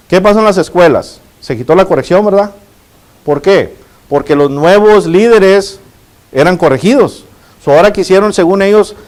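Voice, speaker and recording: Middle-aged male pastor, high voice, preaching with rhetorical questions to the congregation. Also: a little mellow. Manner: addresses the congregation as brothers and asks rhetorical questions. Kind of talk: sermon.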